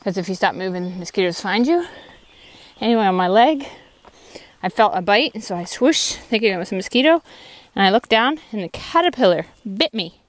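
A woman with a mid-range, expressive voice talks briskly to a handheld phone camera as she walks a forest trail, with no echo. She's a thru-hiker vlogger giving casual walking narration, chatty and candid and a little tired.

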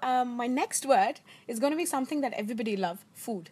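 A woman's voice: fairly high pitch, expressive, racing, a little mellow, slightly rough. A young woman with a South Indian accent hosting a casual interview, sometimes slipping into Tamil. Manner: mixes Tamil into English, repeats words while phrasing. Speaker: interviewer and host. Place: outdoor garden seating.

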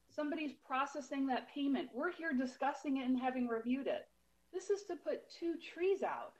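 A woman on a city council giving steady, explanatory remarks at a meeting, pointed about bureaucracy. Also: high-pitched, rough recording.

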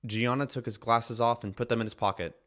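A man reading single words and example sentences in a careful, even way for a study deck. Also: mid-range voice, normal speed, background noise. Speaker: recorded example-sentence reader.

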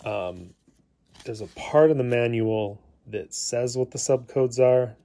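A hobbyist gives an unscripted gadget tutorial in his living room, explaining things casually in a hesitant, rambling way. The man speaks slowly in a mid-range voice with a dark tone.

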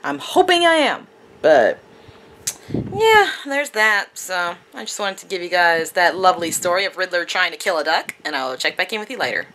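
A woman's voice: lowish voice, very animated, moderate pace, a bit bright, slight background noise. A young woman vlogger talking casually to the camera in a video diary. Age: young adult. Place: small wood-paneled room at home.

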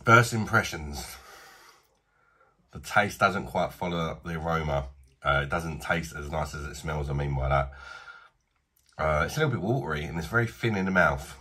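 A man's voice: a bass voice, normal speed, long pauses, bright, forceful tone, slightly rough. A man in his thirties with a British accent, chatting bluntly and casually while reviewing a beer in a small home bar. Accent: British English. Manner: chatty, blunt, self-deprecating.

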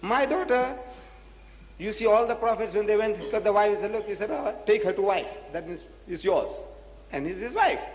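A man with a high voice delivers a sermon-style lecture. He presses his points with questions and repetition. The recording rings with long hall reverb. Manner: emphatic, rhetorical questions, repeats phrases. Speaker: Islamic preacher. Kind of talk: preaching lecture to an audience.

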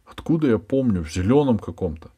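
A man voicing a bossy, impatient schoolgirl in an audiobook, speaking in a brisk, scolding way. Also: on the low side, animated, mellow, slightly rough, voice pushed up. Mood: curt. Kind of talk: audiobook character voice.

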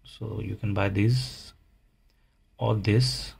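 A man giving a casual, unhurried how-to narration, explaining things plainly step by step. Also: on the low side, fairly even intonation, gravelly, darkish tone, slightly rough. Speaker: motovlogger, presenter.

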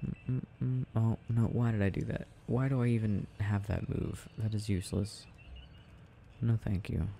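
Soft music plays behind a low, flat, unhurried male voice with vocal fry as he plays a sleepy, tender, sensitive boyfriend gaming in an intimate ASMR roleplay. He murmurs and talks to himself hesitantly, sometimes dropping to a whisper, rambling in an absorbed, mildly puzzled way.

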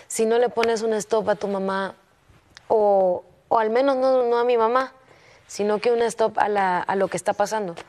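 A young woman speaks softly and haltingly as she confides in her teacher, often breaking off and starting a sentence again. Her pitch sits in the middle range for a woman. She sounds like a contestant opening up about something private. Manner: soft-spoken and hesitant, with many restarts. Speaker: singing competition contestant. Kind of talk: personal confession to a teacher.

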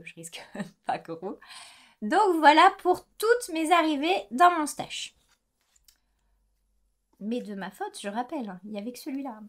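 A young adult woman chatting casually about her knitting projects in a vlog, with frequent fillers and self-corrections. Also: a little high. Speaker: knitting podcaster.

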